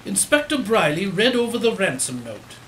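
A man plays a polite, earnest gentleman doctor in a Victorian audio drama. His voice is high and bright, with lively, formal phrasing. Faint noise sits behind him. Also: normal speed, low-quality recording. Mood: earnest, grave. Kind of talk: audio theatre period drama acting.

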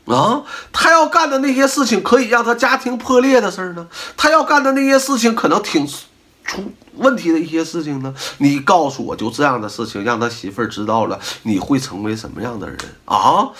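Animated, bright-voiced middle-aged man lecturing. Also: sits high. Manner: animated, full of rhetorical questions; emphatic, lecturing tone. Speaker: host giving life advice. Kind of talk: casual advice monologue.

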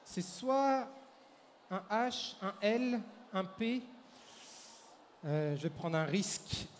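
A man performing a live mind-reading act, briskly directing the audience and volunteers on stage through a handheld microphone. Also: sits high, animated, slight background noise. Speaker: stage mentalist. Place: large hall at a fair. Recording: echoey hall, faint crowd ambience.

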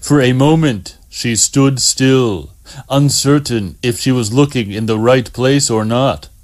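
A man narrating an audiobook in a slow, measured way. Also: mid-range voice, a little mellow.

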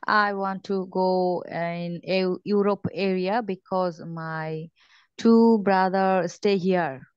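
A woman's voice: lowish voice, steady tone, takes it slowly, smooth, no room sound. Young female student from Bangladesh, careful and polite, dry muffled call audio. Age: young adult. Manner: polite, careful, spells things out. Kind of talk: conversation practice. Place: indoor room at home. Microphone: video call with earphone mic.

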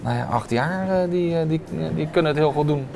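A restaurant owner in his thirties talks a little fast in a fairly high-pitched voice, filling his interview answers with hesitant sounds. He wears a lapel mic in a bright restaurant dining room, and background noise is audible.

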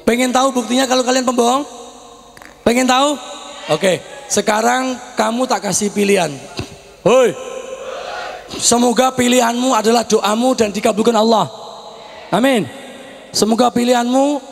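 A man with a Javanese accent preaching to students, teasing them and shouting questions for the crowd to answer. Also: very high voice, gravelly, slight background noise. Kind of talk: lively sermon to students. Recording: echoey hall recording.

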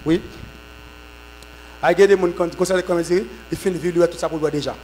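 A man preaches a sermon. His voice sits high for a man. He swings from shouted, fervent bursts to lower, quieter teaching. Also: fairly even intonation, fairly quick, a little hiss or hum, poor audio. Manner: shouts in fervent bursts with repeated amens, drops low when teaching. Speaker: apostle preaching at a conference.

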